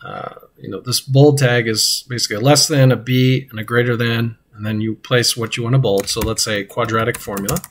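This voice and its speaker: A man explains web code step by step as he records his screen. His voice sits at a middle pitch. He talks in a halting, unscripted way, stopping often on fillers and restarts. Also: steady tone, slight background noise. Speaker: teacher. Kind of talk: screen-recorded coding lesson.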